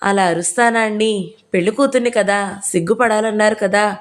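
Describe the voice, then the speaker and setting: A woman's voice: mid-range voice, moderate pace, lightly acted. A woman voicing a timid, educated young bride who talks in a meek, apologetic way. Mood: sheepish.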